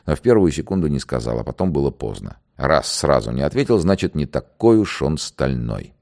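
A man narrating and commenting on a historical record in an expressive, wry storytelling manner. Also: rumbling low, fairly quick.

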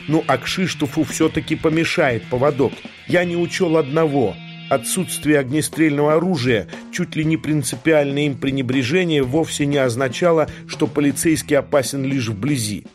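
Man narrating an audiobook wryly. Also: fairly high pitch. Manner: wry, ironic. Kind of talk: first-person audiobook narration.

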